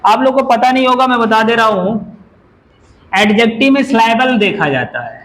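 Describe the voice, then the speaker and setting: A man's voice: very high voice, lively intonation, normal speed, a bit bright, slight background noise, poor audio. A man teaching a grammar lesson in a classroom, who keeps firing questions at his students and drills words by saying them over and over. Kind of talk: classroom lecture.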